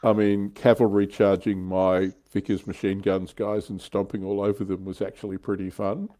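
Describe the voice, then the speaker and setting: In a low-quality recording, a livestream co-host talks casually about his hobby of tabletop wargames, laying out his opinions. His voice sits on the low side and is mellow, delivered flatly at a moderate pace.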